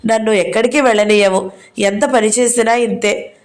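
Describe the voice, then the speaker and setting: A woman's voice: fairly high pitch, fairly even intonation, moderate pace, close to an everyday voice. Sulky young boy in an audio novel, petulant and whiny; voiced by a woman reader. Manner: petulant, whining complaints.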